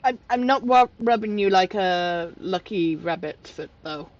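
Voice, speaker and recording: A woman's voice: lowish voice, expressive, unhurried. A woman streamer chatting playfully with viewers over a game, joking and giggling. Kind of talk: casual stream chat over gameplay. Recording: dull lo-fi audio with faint music.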